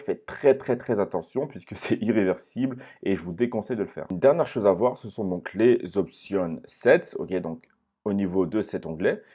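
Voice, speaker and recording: A young man giving a step-by-step screen-share software lesson, often pausing to check in with "ok?". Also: deep voice. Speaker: online course instructor.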